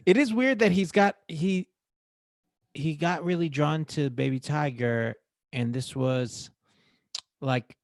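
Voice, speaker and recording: A man's voice: fairly high pitch, takes it slowly, long pauses, dry recording, studio quality. A man in his thirties co-hosting a podcast from home, joking and swearing casually. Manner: loose, joking, swearing, puts on silly voices. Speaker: podcast co-host. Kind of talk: casual chat.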